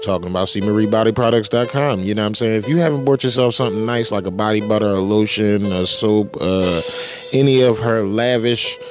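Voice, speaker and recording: A man's voice: on the low side, a little fast, over music. An American man hosting a talk show, speaking in casual, emphatic, slangy and profane monologue.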